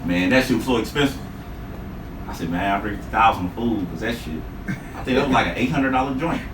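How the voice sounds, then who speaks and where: A man's voice: lowish voice, lively intonation, a little fast. A man in his late thirties, a podcast co-host joking and teasing in casual, profane chat. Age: 30s. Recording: echoey room from a distant mic, noisy.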